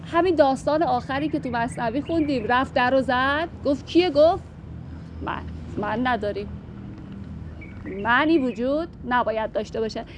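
A woman's voice: high-pitched, slight background noise. A woman teaching classical poetry, reading verses aloud and thinking them through as she explains. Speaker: literature teacher.

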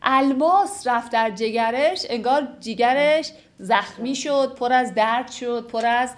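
A woman giving a lecture on classical poetry. She recites verses slowly, then explains them in casual conversational speech. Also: a little high. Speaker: literature teacher.

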